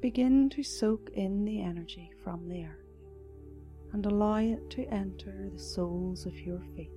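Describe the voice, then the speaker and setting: Soft, slow woman guiding a meditation. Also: medium pitch, faint music behind. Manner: soft, slow, soothing, partly breathy. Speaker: meditation guide. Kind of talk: scripted guided meditation.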